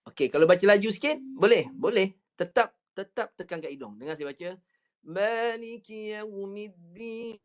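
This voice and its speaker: A man with a Malaysian Malay accent leads an online recitation lesson over a computer mic, his voice sitting a little high. He drills each sound patiently, counting off repetitions and drawing out words very slowly as he demonstrates. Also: lively intonation. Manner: stretches words very slowly when showing the recitation. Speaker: Quran recitation teacher. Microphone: computer mic on a video call.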